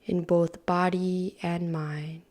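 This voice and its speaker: This is a woman's guided meditation, delivered slowly and calmly in a breathy voice that sits on the low side. Her words often fade to near-whispers, separated by long pauses.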